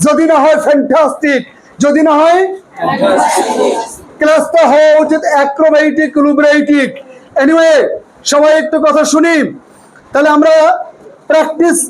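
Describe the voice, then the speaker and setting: A man teaching English pronunciation to a class, speaking in playful rhymes and calling out drills loudly. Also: very high-pitched, level tone, moderate pace, a little hiss or hum, rough recording. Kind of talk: classroom teaching, loud and rhyming. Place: classroom with students.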